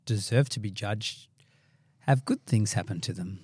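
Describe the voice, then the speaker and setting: A man with a croaky voice co-hosting a podcast, chatting casually and thinking aloud with some hesitation. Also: lowish voice, a little slow, darkish tone, no echo. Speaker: podcast co-host. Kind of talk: casual conversational podcast chat.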